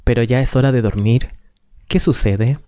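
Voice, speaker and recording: Soft sleepy woman calming her man read by a guy, mellow and dull lo-fi. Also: medium pitch, moderate pace, clear, resonant tone, no room sound, close to an everyday voice. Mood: soothing. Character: tender, sleepy woman comforting her lover. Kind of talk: amateur script reading. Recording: dull lo-fi recording.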